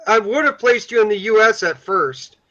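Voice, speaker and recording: A man from downstate Michigan, a guest on a livestream, has a bright, high voice and talks in an animated way at a moderate pace, his accent shifting toward Upper Peninsula. He's chatty and tends to repeat words in this casual conversation, heard through dull, lo-fi stream audio.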